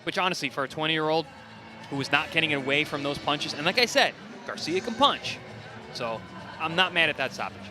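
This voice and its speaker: A man's voice: a little high, animated, brisk, over music. A man giving live boxing commentary as an analyst, stressing key phrases by repeating them.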